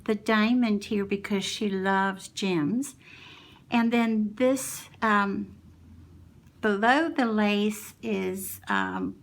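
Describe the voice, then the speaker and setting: Slow-paced, chatty woman crafter. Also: medium pitch. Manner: affectionate, chatty, addresses viewers as darlings. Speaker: craft vlogger presenting a project share. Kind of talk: casual craft show-and-tell.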